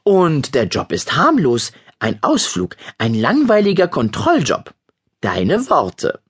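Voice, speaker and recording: A man voicing a cool, laid-back boy who talks slowly and offhand. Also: a little high, wildly swooping pitch, slightly rough, no room sound, studio quality, pitched above the performer's own voice, full character voice. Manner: slow, drawling and offhand.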